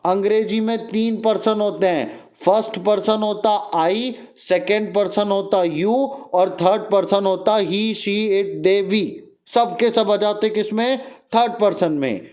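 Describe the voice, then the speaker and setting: A man with an Indian accent teaching English grammar in Hindi, asking the class questions and answering them himself, and reading example sentences slowly. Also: high-pitched, a little mellow.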